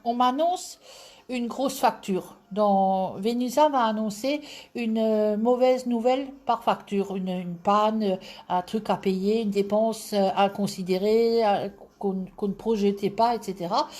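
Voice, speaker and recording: A woman's voice: medium pitch, a little mellow. A woman with an Alsatian accent hosting a live stream as a clairvoyant, talking casually and breaking off to greet viewers by name. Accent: Alsatian French. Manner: chatty, digressive, greets viewers by name mid-sentence. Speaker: clairvoyant livestream host.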